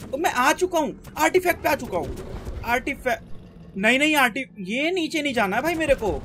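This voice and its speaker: Excitable high-voiced man commenting on gameplay. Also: fairly quick, slight background noise. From India. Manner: excitable, talks to himself and his creature, frequent exclamations. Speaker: gaming YouTuber.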